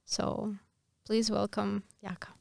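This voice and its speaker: Female podcast host, gravelly fry, dry close recording, friendly and plain. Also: mid-range voice, little pitch movement, slow, a little mellow, no room sound. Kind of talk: podcast interview.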